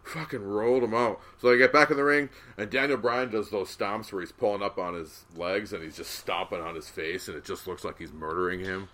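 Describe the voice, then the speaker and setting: Male co-host, casual wrestling chat, bright forceful voice, excitable, slightly low pitch. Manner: excitable, swearing, quick bursts of enthusiasm. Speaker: podcast co-host recapping wrestling.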